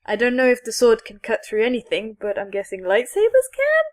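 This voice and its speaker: Slightly high and brisk, her voice swings hugely in pitch. She's a podcast co-host gabbing about geeky things in a giggly, rambling, enthusiastic way.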